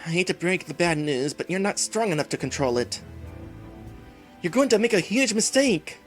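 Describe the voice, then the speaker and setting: A man's voice: high voice, animated, normal speed, faint music behind. A man voicing a worried game hero, earnest and dramatic as he warns of catastrophe. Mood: warning. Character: urgent, worried hero warning against catastrophe. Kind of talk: dramatic reading of RPG game dialogue.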